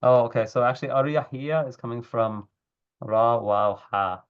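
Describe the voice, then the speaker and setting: A man's voice: mid-range voice, moderate pace, clean tone. A man teaching an Arabic text over a video call, explaining word roots step by step, his volume rising and dropping unevenly as the connection cuts out. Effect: uneven volume from a cutting-out internet connection. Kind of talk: online class explaining a text. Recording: dull lo-fi online call audio.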